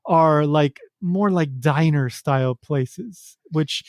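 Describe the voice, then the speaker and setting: A man's voice: fairly high pitch, takes it slowly, a little mellow, no echo, studio quality. A man hosting a podcast, talking casually and rambling with many fillers and restarts. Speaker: podcast host.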